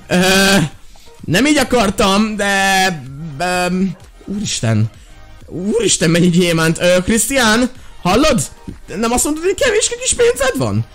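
A young man with a high voice narrates a video game as a YouTuber in lively let's-play style. He gets excitable and breaks into shouts when things get tense. Faint game music plays behind him. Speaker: gaming YouTuber. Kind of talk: energetic let's-play commentary.

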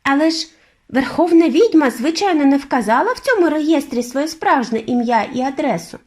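A woman's voice: high-pitched, lively intonation, moderate pace, darkish tone, pitched above the performer's own voice. A woman reading an audiobook and voicing an eager, impatient young boy who has been turned into a mouse. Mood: amazed.

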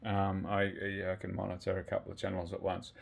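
Low, monotone and creaky, an Australian man's voice moves fairly quickly as he gives a relaxed, meandering how-to for a motorcycle gear video. He's recording inside a home garage.

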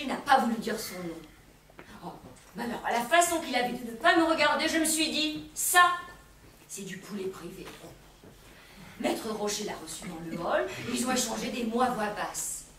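Actress playing a high-voiced, gossipy switchboard girl on stage, echoey hall, distant mic. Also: a little hiss or hum. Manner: gossipy, exclaiming, animated. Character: chatty cheerful young woman switchboard operator. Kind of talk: amateur stage comedy. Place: theatre stage. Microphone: distant room mic.

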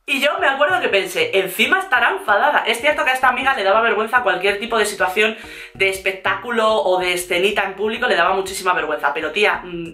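A woman with a Spain Spanish accent telling a storytime vlog in a lively way, laughing and acting out what others said. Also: medium pitch, fast talker, echoey room, soft background music. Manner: lively, laughing, acts out quotes. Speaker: vlogger. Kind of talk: storytime monologue.

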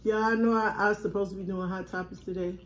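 A woman's voice: mid-range voice, steady tone, fast talker, roomy sound, slight background noise. A woman vlogging from her dinner table, chatting to viewers and calling them "y'all". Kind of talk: casual chat.

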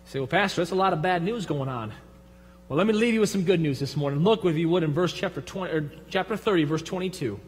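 A high-pitched man with a Michigan accent preaches a folksy, emphatic sermon. His voice swings from loud, driving points down to a near hush. A long reverb from the church sanctuary trails each phrase. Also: quick pace, slightly rough. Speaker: pastor.

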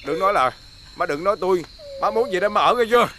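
A man's voice: high voice, lively intonation, fast talker, noisy background. A cruel taunting father. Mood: defiant. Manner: taunting, shouts at the child. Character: cruel, bullying village father, harsh and mocking. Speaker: abusive father. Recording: loud background score.

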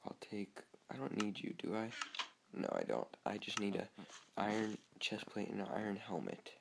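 A man's voice: on the low side, very animated, normal speed, creaky, background noise. A young man giving casual, chatty commentary over his own gameplay, talking to himself and easily startled. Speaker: gamer.

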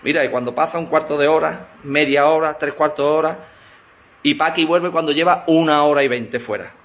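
A man's voice: on the high side, fairly quick, fairly bright tone, lo-fi sound. A man telling a string of jokes in a chatty storytelling way. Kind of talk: joke telling.

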